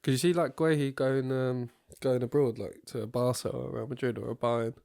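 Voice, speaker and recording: A young man with a mid-range voice, asking his co-host questions in a relaxed way. The sound is close and dry, with no room around it. He keeps things moving without any fuss. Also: mid-range voice, moderate pace, vocal fry, smooth, no echo. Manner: easygoing, poses topics as questions. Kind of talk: casual football chat.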